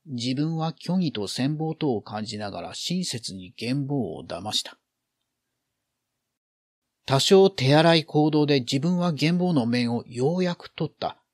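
A man's voice: a little high, no echo, clean studio sound. A man reading a literary story aloud, expressively acting out the feelings in the narration.

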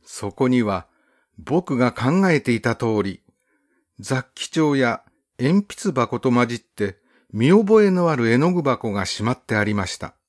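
Reading a first-person story aloud, the male audiobook narrator sounds measured and softly expressive. His voice stays in a middle pitch yet moves up and down considerably across phrases, giving this calm, literary storybook narration a rich melody.

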